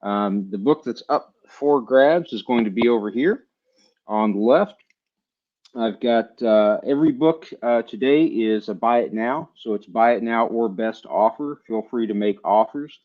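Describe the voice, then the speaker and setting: A man's voice: medium pitch, unhurried. Texas guy hosting a comic sale livestream, laid back, lots of ums, kinda muffled sound. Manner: relaxed, chatty, many fillers. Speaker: host of a live comic book sale. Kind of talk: casual live-stream sales chat.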